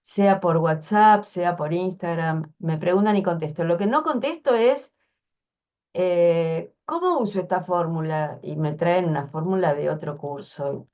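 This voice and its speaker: A woman's voice: lowish voice, measured pace, a little mellow, highs cut off. A woman, answering workshop questions on a video call in a frank, explanatory way. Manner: frank, explanatory, thinks aloud with restarts. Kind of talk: casual online Q&A.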